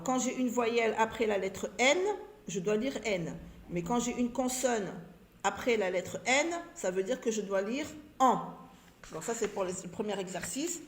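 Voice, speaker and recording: Slow, deliberate woman teacher, echoey room. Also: mid-range voice. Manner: slow, deliberate, repeats each word and syllable. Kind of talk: reading lesson for young learners. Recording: roomy echo.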